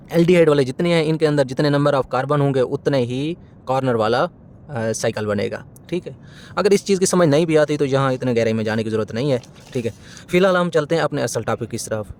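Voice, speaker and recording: A male chemistry lecturer at a mid-range pitch teaches step by step from a diagram. He keeps throwing questions at his students and answering them himself, and often stops with a quick "sorry" to fix a slip. A faint low rumble runs underneath. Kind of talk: classroom lecture explaining a diagram.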